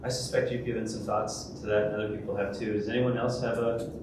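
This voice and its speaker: In a noisy, reverberant event hall, heard from afar, a man delivers a conference talk and answers questions. His voice is on the low side with little pitch variation, and he speaks quickly. He's hesitant, peppering his speech with fillers and restarts.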